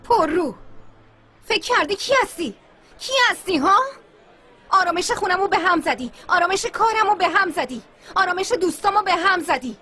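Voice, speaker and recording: A fiery, scolding young friend. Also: female voice, extremely high pitch, lively intonation, pushed and bright, soft background music, exaggerated voice. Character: fiery young woman friend, quick-tempered. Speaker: dubbing actor.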